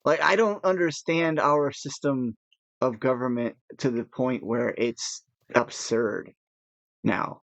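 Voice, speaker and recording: A man chatting casually while gaming, rambling with nervous laughs and animated asides. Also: mid-range voice, slow pace, gravelly, dry recording, dull audio. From United States. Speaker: gaming podcast co-host.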